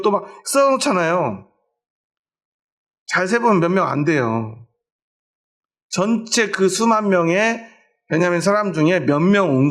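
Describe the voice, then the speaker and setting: A man's voice: high-pitched, fairly bright tone. A middle-aged male pastor preaching a sermon, asking the congregation questions and answering them himself, with homely everyday stories. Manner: tells homely everyday stories to make his point. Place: church.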